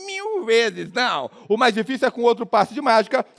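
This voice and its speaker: High, gravelly man with a mineiro accent. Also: fast talker, a bit bright. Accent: Minas Gerais Brazilian Portuguese. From Minas Gerais, Brazil. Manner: playful, teasing the audience with jokes. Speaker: motivational speaker. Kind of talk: comic stage talk to a live audience.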